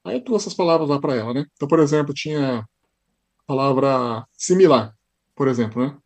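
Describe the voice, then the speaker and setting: A man from Brazil with a São Paulo Portuguese accent, a podcast guest telling stories in a lively casual way with frequent tag questions. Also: medium pitch, a little fast. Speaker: podcast guest, high school teacher. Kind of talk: casual interview storytelling.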